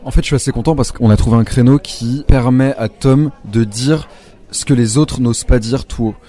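A man's voice: mid-range voice, normal speed, dark tone. A young man speaking candidly and reflectively as an actor guest in a casual interview.

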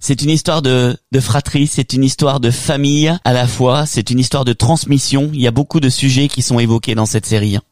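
A man hosting a TV interview, presenting guests in lively presenter patter. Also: mid-range voice, fairly quick, few pauses, no room sound, studio quality. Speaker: TV host.

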